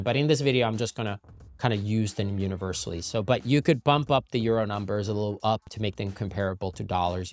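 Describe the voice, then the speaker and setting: A young adult man from Finland, talking casually to camera as a YouTuber and entrepreneur, and lifting his voice on key points. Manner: conversational, lively rises in pitch and loudness on key points.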